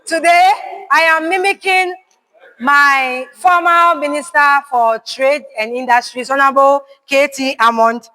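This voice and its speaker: Slow, bright-voiced Ghanaian woman, high pitch. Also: fairly even intonation. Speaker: outgoing speaker of a mock parliament. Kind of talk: formal parliamentary address.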